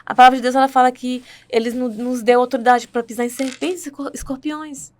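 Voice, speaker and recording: A woman's voice: high-pitched, fairly even intonation, brisk, darkish tone. A woman with a Brazilian Portuguese accent telling her faith testimony in conversation, earnest and full of tag questions.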